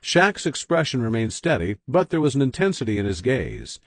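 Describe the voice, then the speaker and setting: A man's voice: medium pitch, sing-song, brisk, dry recording. A man narrating a dramatic written story.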